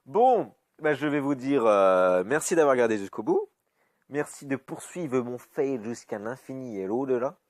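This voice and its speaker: A man giving live commentary over his own game, cursing often and swinging between high yelps and low grumbling. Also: expressive, normal speed, no room sound, studio quality. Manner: swears freely, swings from yelps to grumbling mutters. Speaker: YouTube gamer.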